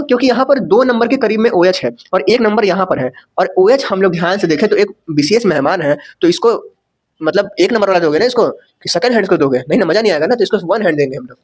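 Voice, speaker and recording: High-voiced chatty male chemistry teacher. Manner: chatty, asks rhetorical questions, jokes and corrects himself. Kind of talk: casual chalkboard lecture.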